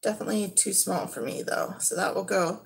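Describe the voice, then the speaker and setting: Handling each thrifted item in turn, a woman in her thirties describes her haul in a casual, unhurried vlog from her living room, trailing off as she goes. Her voice is medium-pitched and gravelly, with slight background noise.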